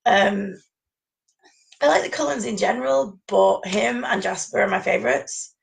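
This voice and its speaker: A woman chatting casually as a podcast co-host. Her voice is strongly creaky and gravelly, and she rambles from one point to the next, laughing often. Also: mid-range voice, normal speed. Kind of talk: casual chat about fan conventions.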